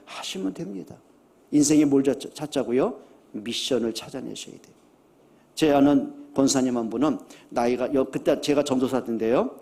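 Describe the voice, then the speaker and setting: A middle-aged man preaching a sermon as pastor, talking earnestly and conversationally, repeating his exhortations and moving between hushed and loud emphatic lines. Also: mid-range voice, gravelly.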